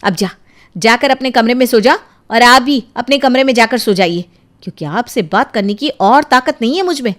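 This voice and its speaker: Woman doing a shrill, strict cartoon mother. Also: moderate pace, close to an everyday voice. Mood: scolding. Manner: shrill, scolding. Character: strict, exasperated young mother. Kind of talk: cartoon storybook voice acting.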